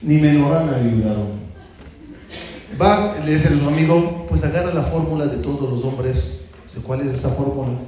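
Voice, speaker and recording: Rabbi telling funny stories, kinda high voice, lots of echo in the hall. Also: male voice, measured pace. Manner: lively storytelling that jumps high when acting out lines. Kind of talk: humorous talk to an audience. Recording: very echoey hall.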